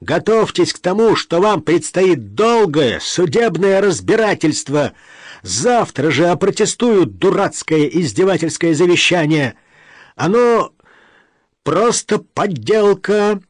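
A man's voice: on the high side, animated, measured pace, a little mellow, dry recording, clean studio sound, pitched above the performer's own voice. A man voicing a sarcastic, hot-tempered adult son who argues heatedly over an inheritance in an audiobook. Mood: indignant. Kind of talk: audiobook character reading.

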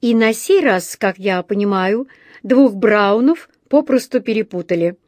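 A woman's voice: medium pitch, lively intonation, unhurried, a little mellow, no echo, studio quality. Courteous elderly male shopkeeper, read by a woman, kindly and patient. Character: kindly polite elderly male antique dealer.

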